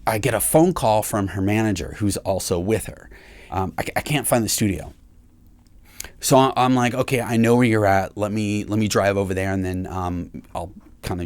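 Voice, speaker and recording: A man with a fairly low voice tells a personal story in a relaxed, rambling way. He stumbles and restarts often and pokes fun at himself. The sound is close and dry, with no room around it. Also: dry recording. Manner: halting, self-deprecating, many fillers and restarts. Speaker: recording engineer. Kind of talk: casual storytelling to camera.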